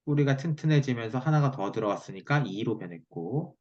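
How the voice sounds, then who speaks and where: A man teaches one-on-one, explaining point by point and checking that he is followed. His pitch moves in a lively way. The sound is dull and lo-fi, as from a video call. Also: a little fast. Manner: checks listener's understanding often. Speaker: fortune-telling teacher giving a lesson. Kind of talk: explanatory one-on-one online lesson.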